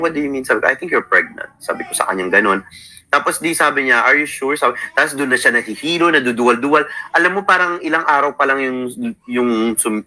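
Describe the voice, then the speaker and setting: On poor audio, a man in his thirties with a Filipino accent and a slightly high, sharp voice tells his life story to an interviewer in a casual chat. He sounds sleepy, moves between Tagalog and English, and often quotes himself and others.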